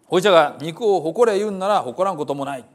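Fervent apostle in broad Hiroshima dialect, read by a male pastor, raised and loud, lively pitch. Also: fast talker, close to an everyday voice. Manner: earnest and emphatic, reading scripture aloud. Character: the apostle Paul, zealous male preacher, fervent.

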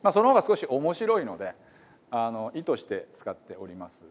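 A man's voice: mid-range voice, wildly swooping pitch, a little fast. A middle-aged male pastor from Hiroshima with a Hiroshima accent, giving a chatty, self-deprecating sermon introduction with frequent fillers. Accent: Hiroshima Japanese. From Hiroshima, Japan.

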